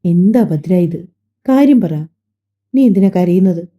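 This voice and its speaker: A woman voicing a gentle, protective husband in an audiobook drama, speaking softly and affectionately. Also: on the low side, expressive, measured pace. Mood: worried. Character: loving middle-aged husband, gentle and protective. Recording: dull lo-fi recording.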